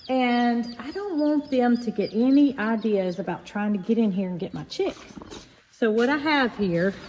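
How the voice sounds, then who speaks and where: A woman's voice: a little high, darkish tone. A woman giving a casual, folksy farm vlog, talking straight to viewers inside an echoing barn. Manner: folksy, addresses viewers directly. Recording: echoey barn, clear background noise, birds.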